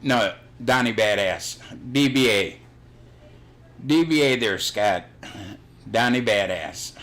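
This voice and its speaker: A man's voice: medium pitch, lively intonation, slow, fairly bright tone. An older man chatting casually on his own livestream, blunt and rambling, swearing freely. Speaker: livestream host. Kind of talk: casual chat.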